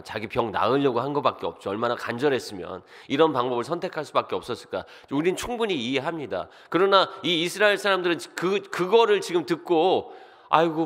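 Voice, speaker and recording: Animated pastor in a reverberant church. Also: male voice. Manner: animated, rhetorical questions to the congregation; swings between loud exclamation and soft low asides. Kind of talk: sermon. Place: church sanctuary. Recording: long reverb of a church hall.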